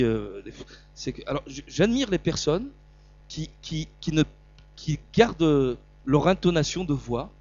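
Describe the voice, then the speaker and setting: A middle-aged man with a southern French accent preaching a sermon, stumbling and repeating words, swinging between loud emphasis and quiet asides. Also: a little high, gravelly, dull audio.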